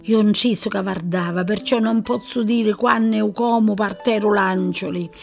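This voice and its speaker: A woman with a Sicilian accent reads verse aloud in an expressive, measured way. Her pace is slow and unhurried. Soft music plays faintly underneath her voice. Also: medium pitch, vocal fry. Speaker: reader. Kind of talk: dramatic reading of verse.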